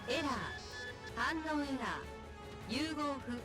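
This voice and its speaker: A woman voicing a glitching robotic system that makes flat, clipped error announcements in a game. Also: high voice, a little slow, over music. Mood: mechanical. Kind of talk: game voice acting.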